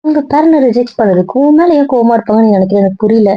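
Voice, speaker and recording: A woman's voice: fairly high pitch, lively intonation, quick pace, no room sound, dull audio. A woman playing a hurt, reproachful young girlfriend. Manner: questioning, reproachful. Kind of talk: web drama acting.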